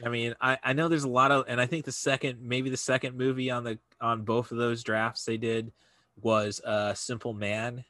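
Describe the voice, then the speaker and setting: Give me a man with a bright, forceful voice, chatting haltingly with lots of fillers. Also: mid-range voice, little pitch movement, no room sound. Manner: halting, many fillers and restarts. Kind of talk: casual podcast chat.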